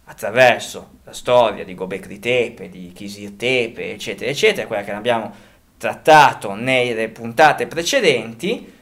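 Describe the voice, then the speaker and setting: A man's voice: fairly low pitch, moderate pace, fairly bright tone. A man co-hosting a casual podcast, talking, rambling, often restarting and correcting himself as he thinks aloud. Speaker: podcast co-host.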